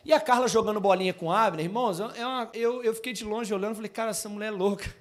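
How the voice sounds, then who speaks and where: High-voiced preacher man. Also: racing. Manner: builds from chatty asides to loud emphatic preaching; addresses congregation as brothers. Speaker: pastor. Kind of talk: Christmas sermon. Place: church.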